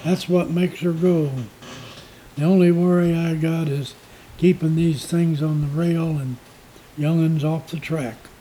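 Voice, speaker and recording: A man voicing a calm, folksy old-time train engineer. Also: fairly high pitch, unhurried, slight background noise, natural voice, poor audio. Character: plain-spoken male train engineer, calm.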